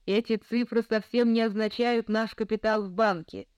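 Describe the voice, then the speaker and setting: A woman's voice: a little high, steady tone, moderate pace, darkish tone, smooth, no room sound, studio quality, close to an everyday voice. A woman voicing a harsh, weary young husband who speaks curtly and bitterly. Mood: bitter scorn. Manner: curt, bitter.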